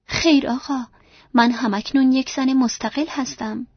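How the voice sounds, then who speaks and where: A woman's voice: high-pitched, steady tone, slightly rough, no echo, pitched above the performer's own voice. A woman voicing a devoted, tender young woman, earnest and reassuring, in a dry, dull lo-fi recording.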